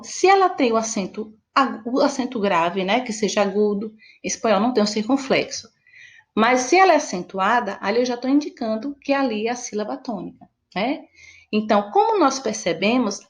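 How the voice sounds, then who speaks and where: A woman with a Brazilian Portuguese accent teaching a Spanish vocabulary lesson, explaining patiently and checking in with her listeners. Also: on the high side. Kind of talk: online lesson.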